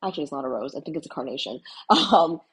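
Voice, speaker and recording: A middle-aged real estate broker from Houston, USA, whose first language is Cantonese, gives an enthusiastic, admiring tour of a hotel suite for a vlog, filmed indoors on a handheld camera. Her deep voice is animated, fast, and a bit bright, and she rambles mildly with fillers.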